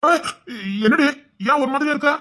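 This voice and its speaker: An actor playing a jobless husband in a family drama, speaking Tamil with a Tirunelveli accent in an anxious, pleading way, at times slowed down by tears. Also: male voice, very high voice, flat delivery, sharp tone. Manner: anxious, pleading, cries and slows when upset. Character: jobless husband, guilt-ridden and tender. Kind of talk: web series family drama.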